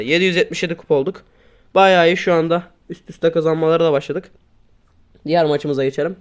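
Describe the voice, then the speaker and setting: A man doing casual gameplay commentary, grumbling and swearing at his teammates, then breaking into sudden loud outbursts. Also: a little high. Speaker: gaming YouTuber.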